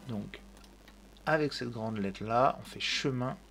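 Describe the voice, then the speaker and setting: A man hosting a screen-recorded software tutorial, thinking aloud and narrating each click with fillers, speaking into a desk mic at his computer. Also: medium pitch, measured pace, vocal fry, slight background noise.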